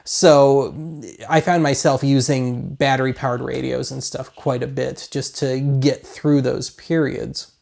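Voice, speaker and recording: Rambling through a product review with wry, casual humor, this Colorado man in his thirties hosts a hobby video series and speaks with an American accent. His mid-range voice is gravelly with a darkish tone, showing little pitch movement and a measured pace.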